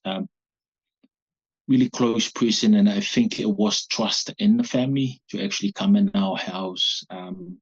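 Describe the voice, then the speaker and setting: A man in his forties from Samoa, speaking haltingly as a guest in an interview. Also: lowish voice, breathy edge, muffled recording. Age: 40s. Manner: halting, searching for words. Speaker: guest, abuse survivor. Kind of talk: personal interview.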